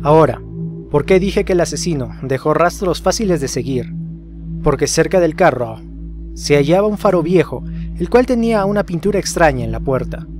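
Speaking at a normal pace, a man with a slightly high, animated voice narrates a scripted horror case over background music. His role is storyteller for a horror explainer video, and he keeps asking the audience rhetorical questions.

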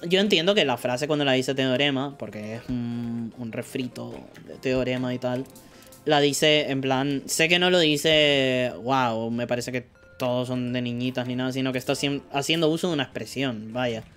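A man's voice: medium pitch, normal speed, a bit bright. Guy from streaming a game, rambles on, mutters orders to himself, swears a lot, faint game music behind. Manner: rambling, muttering order items under his breath, swears when frustrated. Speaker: gameplay streamer. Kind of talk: casual commentary while playing.

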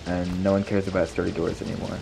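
Gravelly low-voiced man in gaming chat. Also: level tone, fast talker, over music. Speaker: friend in voice chat.

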